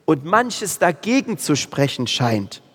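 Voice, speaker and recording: Preacher guy, kinda high husky voice, talks real slow, long echo like a church hall. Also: sing-song, fairly bright tone. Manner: slow, emphatic preaching with stressed repetitions. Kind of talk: sermon.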